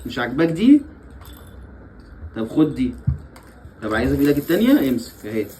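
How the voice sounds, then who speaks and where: Playful Egyptian dad, very lively pitch. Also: male voice, quick pace, noisy background. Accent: Egyptian Arabic. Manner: playful and coaxing, laughs often. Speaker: father and vlogger. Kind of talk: family vlog, playing with young children.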